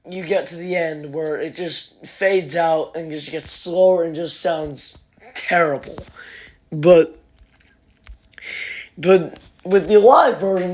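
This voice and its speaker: A man's voice: high-pitched, darkish tone. A teenage man hosting a podcast with his father, talking eagerly and rambling with lots of fillers. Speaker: podcast host. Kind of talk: casual chat.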